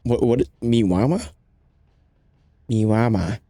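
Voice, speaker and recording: A man voicing a small, curious, childlike kitten in a squeaky high voice. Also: slow, warm tone, no room sound, studio quality, soft background music. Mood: eager.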